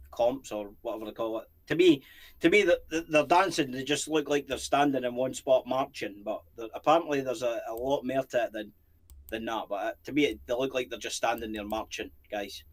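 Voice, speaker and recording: A man's voice: mid-range voice, steady tone, brisk. A Scottish man co-hosting a paranormal channel, chatting casually in a rambling, jokey way and swearing freely. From Scotland. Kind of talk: casual chat.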